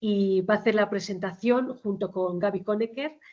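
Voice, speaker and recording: A woman's voice: mid-range voice, moderate pace, a little mellow. Woman hosting, slightly muffled audio. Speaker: host introducing the speakers. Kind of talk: informal webinar introduction. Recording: slightly dull online call audio.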